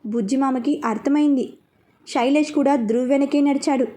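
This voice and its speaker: A woman narrating a story with steady, expressive reading. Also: high voice, normal speed.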